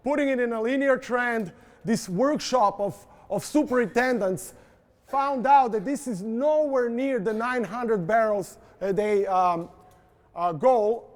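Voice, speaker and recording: A man's voice: very high voice, measured pace. A man presenting at an industry event, speaking informally and joking with the audience. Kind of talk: conference presentation.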